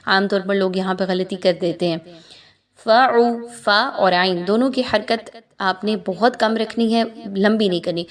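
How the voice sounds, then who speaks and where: A woman giving a Quran tajweed lesson, patiently explaining pronunciation rules and then reciting words slowly and drawn out as examples. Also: medium pitch, steady tone.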